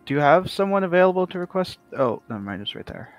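With a high voice, big pitch swings and a quick pace, a man talks casually with other players in a multiplayer strategy game, faint music behind him. He thinks aloud and breaks down the game's mechanics.

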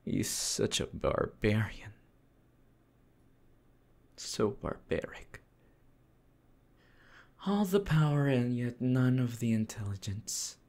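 A man's voice: medium pitch, lively intonation, slow, pauses often, darkish tone. A man voicing a sly, cheerfully cruel male demon lord in a whispered role-play, talking in a sing-song, mocking way that keeps drifting into whispers. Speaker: voice actor.

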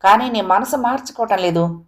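A woman's voice: mid-range voice, moderate pace, close to an everyday voice. A woman voicing a feverish, hurt husband who pleads earnestly with his wife. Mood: pleading.

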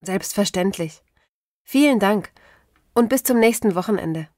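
A woman playing a polite, interested job applicant in a language-course dialogue, articulating clearly. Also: medium pitch, lively intonation, a little slow, a little mellow, dry recording, clean studio sound, natural voice.

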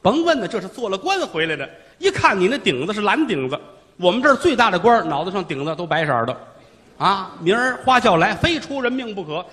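A man's voice: sits high, big pitch swings, fast, sharp tone, big-room sound, exaggerated voice. A man doing a wary old villager. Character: fearful old village man, gossiping warning. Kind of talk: traditional comic storytelling.

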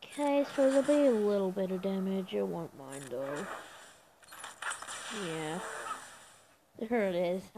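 A woman narrates her own gameplay in a relaxed, slow drawl with a fairly high voice. Her voice has a gravelly fry, and she mumbles between excited little reactions. A clear layer of noise sits under the recording. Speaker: gameplay video creator. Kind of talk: casual gameplay commentary.

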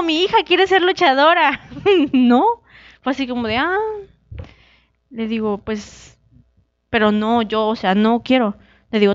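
A woman's voice: no echo, lo-fi sound. A young woman from Mexico, a wrestler being interviewed, telling her story casually and acting out the dialogue. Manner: animated, acts out quoted dialogue with shifting pitch. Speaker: guest, wrestler.

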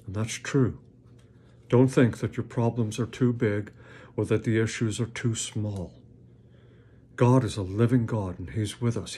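A man's voice: mid-range voice, warm tone, breathy edge. A man hosting a Bible reading, giving earnest, plain-spoken devotional commentary and reading scripture aloud.

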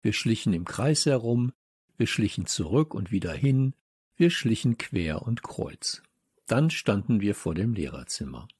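Male reader for a kids' audiobook, unhurried, husky, dry close sound. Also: fairly low pitch, sing-song, darkish tone, no echo. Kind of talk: children's audiobook narration.

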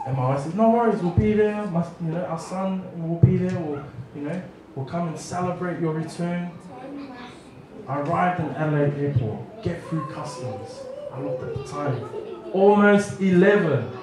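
A man in his thirties from New Zealand, preaching a storytelling sermon on a handheld mic, animated and acting out family dialogue. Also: high-pitched. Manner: animated, acts out family dialogue with lively gestures. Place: church hall, small room. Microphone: handheld mic, far camera. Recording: echoey hall from far off.

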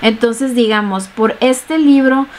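Young woman, slightly high voice, casual home tutorial, chatty with fillers, webcam mic. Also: slow pace, slight background noise. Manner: chatty, explains step by step with many fillers. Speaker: online tutorial host. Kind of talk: casual screen-share tutorial. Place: small room at home.

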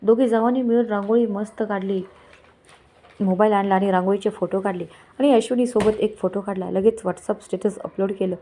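Woman storyteller, even delivery, soft warm tone. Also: mid-range voice, brisk. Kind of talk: scripted story narration.

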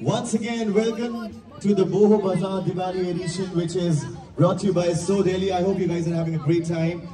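A man announcing slowly over a PA at an outdoor fair, welcoming visitors. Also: sits high, steady tone, mellow. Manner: slow, drawn-out welcoming. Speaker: event announcer. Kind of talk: public announcement. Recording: echoey PA from far off, crowd.

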